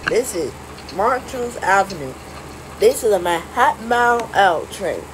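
A woman making recorded subway train announcements, stop by stop in a flat, measured announcer delivery. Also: mid-range voice, a little hiss or hum, low-quality recording.

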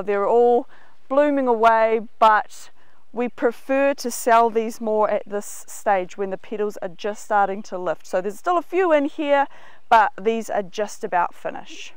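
A fairly high-pitched, clean-toned voice with no echo belongs to a New Zealand woman in her thirties. She's outdoors in a large vegetable garden, enthusiastically guiding a tour of her market garden, walking along, pointing at crops and explaining.

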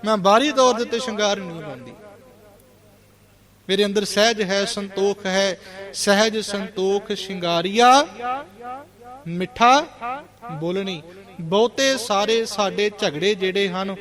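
A man preaching a sermon, explaining scripture in an earnest, teaching manner and slowing down to recite verses. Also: sits high, a bit bright. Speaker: Sikh preacher.

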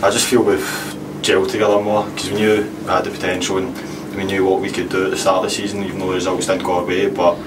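A man's voice: sits low, monotone, quick pace, few pauses. A young man in his twenties, a goalkeeper giving short, modest post-match interview answers. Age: 20s. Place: interview room with sponsor backdrop. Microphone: handheld interviewer mic, off to the side. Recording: distant mic, loud room hum.

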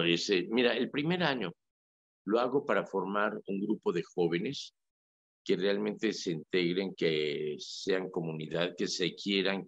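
Un sacerdote católico con acento mexicano que conversa en la radio, con un tono animado y enfático, como quien cuenta anécdotas. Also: male voice, low voice, vocal fry, husky, no room sound. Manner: animated, emphatic, storytelling. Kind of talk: casual radio talk. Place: radio studio. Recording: dry lo-fi radio audio.

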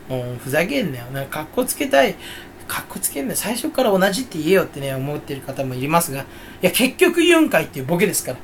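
Self-mocking man rambling with lively pitch. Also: fast talker, slight background noise. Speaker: channel host. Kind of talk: casual solo rambling monologue.

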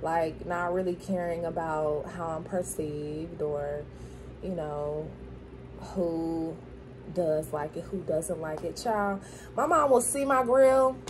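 Slow-talking woman wearing a teeth grill. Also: low voice, fairly even intonation, noisy background. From Florida, USA. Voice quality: speaking with a dental grill in the mouth. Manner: affirming, repeats phrases for emphasis, checks in with "okay?". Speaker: spiritual tarot card reader. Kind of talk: casual spiritual pep talk to camera.

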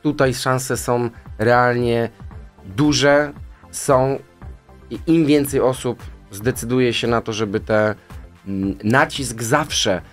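A man's voice: medium pitch, slow, faint music behind. Rambling man, radio studio guest. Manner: rambling, tags statements with "nie?". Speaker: finance advisor guest. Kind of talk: radio interview answers. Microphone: studio boom mic.

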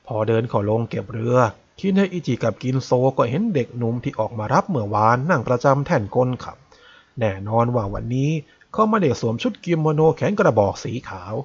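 A man narrating a novel as a calm bedtime story. His voice is gravelly and somewhat husky, with lively shifts in pitch. The recording is dull and lo-fi. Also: a little fast.

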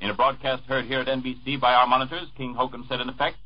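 A man reading war news as a radio newscaster in a formal, measured way, heard through an old 1940s radio broadcast recording. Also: medium pitch, little pitch movement. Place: network radio studio. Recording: dull lo-fi 1940s radio archive.

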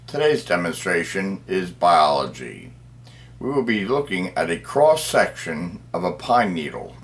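A middle-aged man presenting a scripted science demonstration, speaking deliberately as if dictating, phrase by phrase. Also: sits low, very animated, vocal fry, fairly bright tone, slightly rough. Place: small cluttered indoor workroom.

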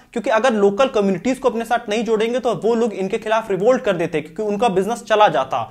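A young man with a high-pitched voice hosts a business explainer, narrating in a steady, scripted manner while talking with his hands. He's recorded in a studio on a lapel mic.

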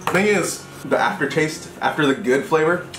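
A man's voice: a little high, animated, normal speed. A young man chatting casually and exclaiming as he eats, his mouth burning from spicy food. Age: young adult. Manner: exclaiming, reacting while eating. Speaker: food challenge host. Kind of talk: casual chat. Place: small cluttered room indoors. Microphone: camera across the table. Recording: echoey room, music behind.

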